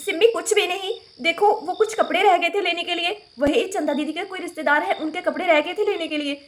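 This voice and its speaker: A woman voicing a gentle young sister-in-law in a doll story, speaking softly and pleadingly. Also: very high-pitched, brisk, slight background noise. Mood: worried. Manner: soft, pleading, placating.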